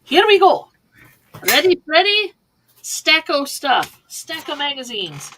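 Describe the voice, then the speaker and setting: A woman's voice: sits high, very animated, slow pace, background noise. A woman co-hosting a live online sale from a basement, talking on a video call in a chatty, playful way. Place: basement room.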